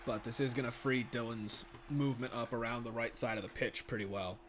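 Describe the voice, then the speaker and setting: A man doing casual, excitable play-by-play commentary of a video game from home. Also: medium pitch, brisk, background noise. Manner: chatty, excitable, laughs often. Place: home room.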